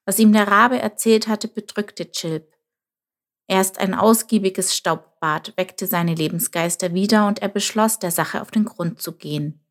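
A woman narrating a children's story in a calm, measured way. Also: medium pitch.

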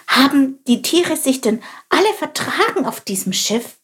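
Frau spielt nen winzigen neugierigen spatz, super hoch, hüpft mit der stimme rum, voll aufgeregt. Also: female voice, high voice, very animated, a little slow, voice pushed up. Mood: curious. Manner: eager, breathless questions. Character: curious excitable little male sparrow.

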